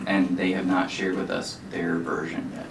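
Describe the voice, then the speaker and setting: A man representing an agency at a meeting, answering questions haltingly with many fillers. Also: low-pitched, level tone, gravelly. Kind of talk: meeting discussion. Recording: echoey room from far off, loud noise.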